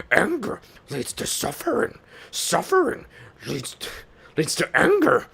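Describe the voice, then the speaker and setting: A man putting on an ancient little alien master. He speaks in a high, drawn-out voice, slow and solemn like a sermon. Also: huge pitch swings, vocal fry, a bit bright, breathy edge, exaggerated voice.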